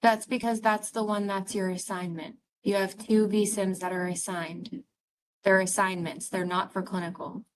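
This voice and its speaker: A woman's voice: medium pitch, moderate pace, low-quality recording. Chatty woman instructor on a video call. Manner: chatty, expressive storyteller. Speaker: nursing clinical instructor. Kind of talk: casual chat before an online class.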